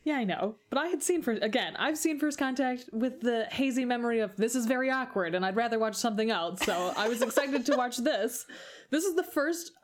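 A woman's voice: a little high, animated, a little fast. Chatty woman podcast co-host. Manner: conversational, often quoting her own reactions. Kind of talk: casual chat.

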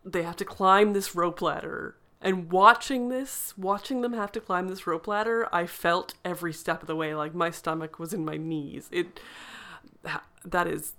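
A woman co-hosting a casual chat show, chatty and quick with frequent fillers. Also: on the low side, pushed and bright. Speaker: podcast co-host.

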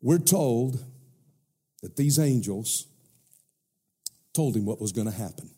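Man, Southern US accent, preacher, raspy bright voice, emphatic sermon delivery, repeats key questions. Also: mid-range voice, expressive. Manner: emphatic, conversational, rhetorical questions, deliberate repetition.

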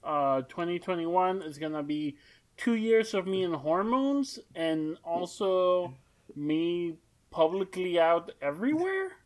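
A young adult woman co-hosts a podcast in easy, unscripted chat. She rambles, backs up and restarts her sentences, and fills the pauses with ums and uhs. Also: fairly low pitch, very animated. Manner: rambling, filler-heavy, self-interrupting. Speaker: podcast co-host. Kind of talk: casual chat.

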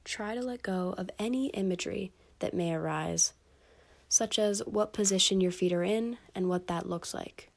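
A woman guides a scripted sleep meditation, her gravelly, mid-range voice gentle and soothing. She leaves pauses between each instruction.

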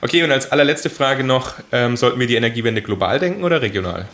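A man co-hosts a podcast and talks quickly in a chatty way. He laughs often between his questions. His pitch is ordinary for a man. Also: lively intonation, fairly bright tone. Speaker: podcast co-host. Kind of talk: podcast interview.

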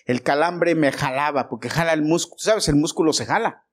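A male pastor with a somewhat high voice delivers a storytelling sermon. He speaks straight to the congregation, calling them brothers, and builds into emphatic, forceful preaching. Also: a little fast. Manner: personal anecdote, addresses congregation as brothers, grows forceful and emphatic.

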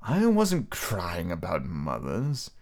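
A man voicing a boy as a smooth-talking villain, low and slow, menacing. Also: expressive, full character voice.

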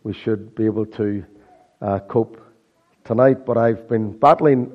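A man with an Irish accent and a croaky, hoarse voice from a sore throat, preaching a sermon in a deliberate, measured way. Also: lowish voice. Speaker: visiting preacher. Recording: dull, muffled lo-fi recording.

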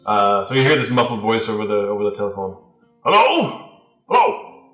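A man narrating a tabletop game as game master, with a halting delivery full of fillers. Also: on the low side, fairly even intonation, fairly bright tone, roomy sound, faint music behind, rough recording.

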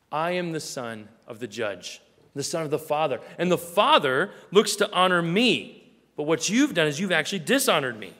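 Man, pastor, sermon, earnest preaching, slightly high voice, long reverb of a church hall. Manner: earnest preaching, acts out little scenes in a quieter voice.

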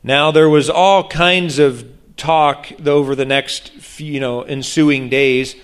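Male preacher, slightly high pitch, animated storytelling, sermon. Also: slow pace, smooth. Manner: animated storytelling, acts out voices. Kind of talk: sermon on prayer.

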